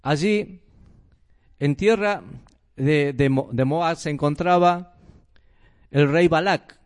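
A man's voice: a little high, slow. A man with a Rioplatense Spanish accent preaching a sermon in a conversational way, asking his listeners rhetorical questions.

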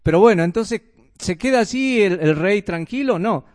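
A man's voice: sits high, expressive, normal speed, a little mellow. A man with a Rioplatense Spanish accent preaching a sermon in a conversational way, asking his listeners rhetorical questions.

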